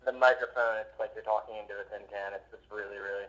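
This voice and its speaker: A man's voice: fairly low pitch, fairly even intonation, quick pace, a bit bright. A man talking on a phone call, heard through a tiny wrist speaker, blunt and casual. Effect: tinny phone call through a small wrist speaker. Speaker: friend on a test call. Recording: tinny lo-fi phone line.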